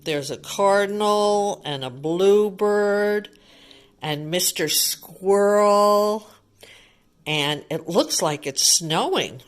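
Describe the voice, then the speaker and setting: A woman at medium pitch draws out her words in a clean tone as she reads a picture book to young kids. Along the way she offers chatty remarks, simple explanations and many questions for the child.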